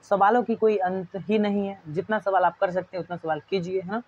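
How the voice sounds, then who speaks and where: A man's voice: high voice, steady tone, fairly quick, slightly rough, muffled recording. A man teaching an exam-prep math lesson in a chatty, jokey way, constantly checking whether students follow.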